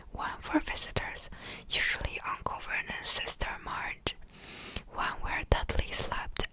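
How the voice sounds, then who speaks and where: A close, breathy, clicky whisper right in the listener's ear, softly reading a storybook aloud for ASMR in an unhurried way. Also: poor audio. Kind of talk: whispered ASMR reading of a children's fantasy novel. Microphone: close microphone.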